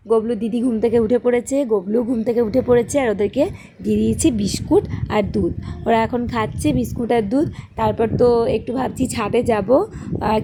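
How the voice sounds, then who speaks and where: A woman's voice: on the high side, background noise. Chatty mother vlogging at home. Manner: talks to viewers as friends, coaxing her small children. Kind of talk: casual family vlog chat. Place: at home, bedroom then rooftop.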